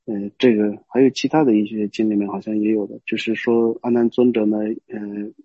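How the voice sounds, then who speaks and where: A man giving a Buddhist teaching as a story, hesitant, pausing often and explaining as he goes. The recording is dull and lo-fi. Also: on the low side, flat delivery, husky, no room sound. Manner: hesitant, many pauses and restarts, explaining as he goes.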